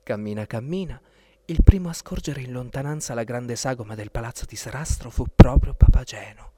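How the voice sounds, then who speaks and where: A man reading a children's story aloud, expressive and sometimes dropping to a whisper for suspense. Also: mid-range voice, a little fast, a little hiss or hum.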